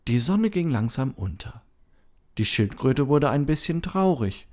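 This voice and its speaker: A storyteller reading a children's tale aloud, slow and unhurried. The voice sweeps widely up and down, very expressive and sing-song. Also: mid-range voice.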